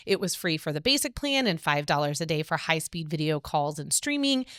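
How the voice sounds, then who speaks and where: A woman's voice: mid-range voice, clean tone, no room sound, studio quality. Playful female podcast co-host. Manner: playful, teasing, animated. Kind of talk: casual chat.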